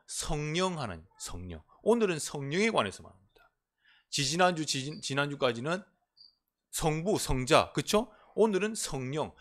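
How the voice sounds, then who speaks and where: A Korean man preaching a sermon as a pastor in a church, swinging between emphatic proclamations and quiet, intimate asides. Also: sits high. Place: church sanctuary.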